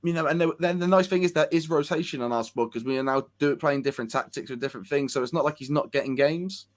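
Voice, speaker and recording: A young man co-hosting a casual football fan show, talking in halting bursts with many restarts. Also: a little high. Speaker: co-host of a football fan channel. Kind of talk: casual chat.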